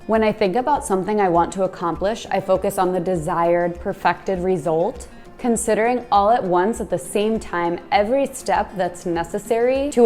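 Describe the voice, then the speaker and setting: A woman in her twenties from the United States, with a lowish, somewhat mellow voice, gives a reflective personal monologue. She's candid and self-deprecating, telling stories from her own life with small laughs.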